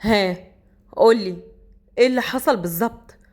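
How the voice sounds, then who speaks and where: Woman doing gruff hot-tempered Egyptian man. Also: brisk, darkish tone, close to an everyday voice. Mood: angry. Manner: gruff, commanding, lowered voice.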